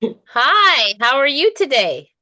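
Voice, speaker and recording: A woman's voice: high voice, big pitch swings, takes it slowly, sharp tone. A woman teaching an online English lesson, chatty and encouraging, with frequent laughs; she is dizzy today. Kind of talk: one-on-one online lesson chat.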